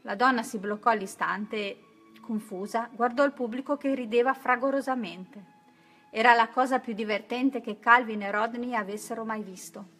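A woman narrating a children's picture book, reading aloud in an expressive, even-paced way. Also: fairly high pitch, moderate pace, breathy edge, soft background music. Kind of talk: children's story read-aloud.

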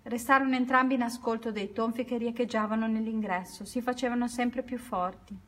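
A woman's voice: a little high, fairly even intonation. Woman reading a children's story. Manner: unhurried reading with small self-corrections.

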